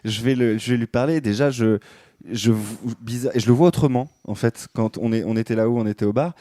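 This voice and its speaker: A man's voice: mid-range voice, brisk, mellow, dry recording, studio quality. A man hosting a podcast, chatty and casual, often restarting his sentences. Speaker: podcast host.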